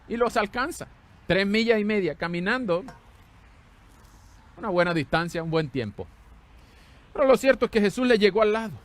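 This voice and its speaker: A man preaching a sermon as a pastor, animated and conversational, swinging between loud exclamations and hushed tender lines while asking the congregation questions. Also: sits high.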